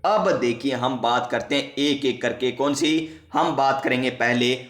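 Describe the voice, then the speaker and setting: A man's voice: mid-range voice, measured pace, a bit bright, reverberant. A male teacher giving an exam-prep geography lesson, asking and answering his own questions and repeating key facts. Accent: Rajasthani.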